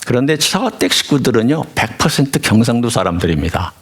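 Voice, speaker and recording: A middle-aged male pastor preaching a sermon, telling stories and swinging between loud emphasis and hushed asides. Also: medium pitch, very animated, fairly quick, husky.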